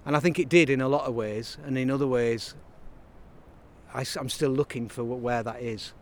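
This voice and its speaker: Steady in tone and moderate in pace, this medium-pitched man is an interview guest from Burnley, Lancashire, England who writes and composes songs. In the relaxed conversation he reflects at length, wandering and frequently starting over.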